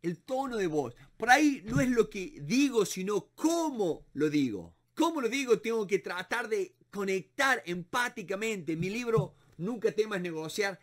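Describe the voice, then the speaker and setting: A middle-aged man with a Rioplatense Spanish accent, teaching negotiation in a casual monologue, lively and repeating words as he thinks aloud. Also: sits high, measured pace, few pauses. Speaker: negotiation instructor.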